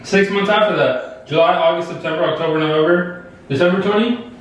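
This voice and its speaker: A young man bantering casually and excitably as a challenge host in a tiled bathroom. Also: sits high, a little fast. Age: young adult. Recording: echoey bathroom, distant mic, music behind.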